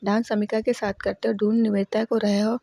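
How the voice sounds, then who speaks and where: A woman's voice: medium pitch, little pitch movement, brisk, vocal fry, dark tone, dry recording, clean studio sound. Taunting young man, read by a woman, mocking and needling.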